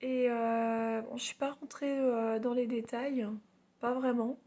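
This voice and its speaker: Casting: woman vlogger, fairly high but mellow voice, congested and hoarse as if it is giving out, halting, modest storytelling. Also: fairly even intonation. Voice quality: hoarse, worn voice with little power; nasal, congested. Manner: halting, self-deprecating. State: has a heavy cold, voice giving out. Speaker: spiritual medium vlogger. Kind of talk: casual personal storytelling to followers.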